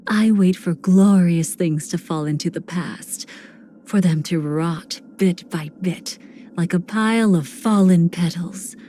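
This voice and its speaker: An actress voices a seductive, sinister woman cremator in a video game who savors betrayal and decay, delivering languid, theatrical lines that end in breathy whispers. Her mid-range voice has a dark tone and a rapt, intoxicated mood, with a little hiss or hum in the recording.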